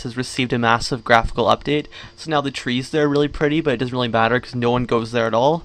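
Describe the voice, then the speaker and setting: A man's voice: mid-range voice, a bit bright, smooth. A man giving casual, rambling, grumbling game commentary while talking with a sore jaw and swollen cheeks. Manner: rambling, griping. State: sore jaw, swollen cheeks after wisdom tooth surgery. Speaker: gaming vlogger.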